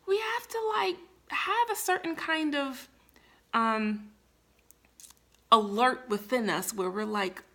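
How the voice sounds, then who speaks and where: A woman's voice: medium pitch, a bit bright. A woman in her thirties talking casually to camera, giving chatty, big-sister relationship advice. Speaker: vlogger.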